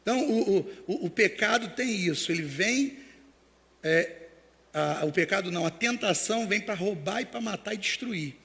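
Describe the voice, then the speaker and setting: A man's voice: high-pitched, animated, normal speed, pushed and bright, big-room sound. A man preaching a sermon as pastor, telling stories with many restarts. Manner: storytelling with acted quotes and many restarts.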